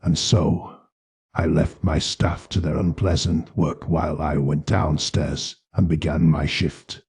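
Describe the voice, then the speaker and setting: A man narrating a scripted horror story in the first person, with a slow, grave storytelling manner. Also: extremely low pitch, little pitch movement, a little mellow, breathy edge.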